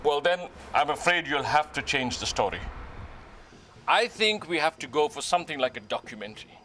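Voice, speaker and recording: A man's voice: on the high side, very animated, normal speed, bright, forceful tone, slight background noise. An actor playing a jovial man who keeps joking and teasing. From South Africa. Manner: joking, teasing, laughs often. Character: jovial South African Indian man, joking fixer.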